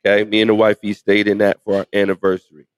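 A man's voice: fairly low pitch, monotone, fast, dry recording. A man co-hosting a live podcast from a taproom, playful and teasing, hyping up the crowd. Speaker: podcast co-host. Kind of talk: lively live podcast banter. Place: restaurant taproom, live show.

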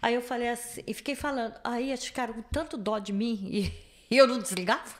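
Woman, middle-aged, Brazilian Portuguese accent, mother, animated storyteller, livestream chat, slightly high voice. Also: quick pace.

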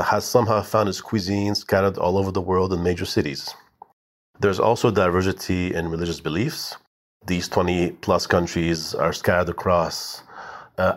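A man giving a matter-of-fact, informative explanation as a guest. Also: sits low. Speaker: network member guest.

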